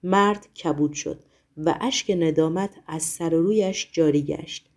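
Woman narrating an audiobook, mellow. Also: deep voice.

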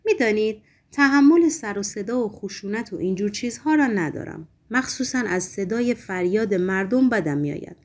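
A woman's voice: mid-range voice, lively intonation, natural voice. A woman reading a fussy, nervous hospital patient. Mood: fretful. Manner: fussy, reproachful, hushed and cautious. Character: nervous, gentle middle-aged male hospital patient. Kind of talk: audiobook reading.

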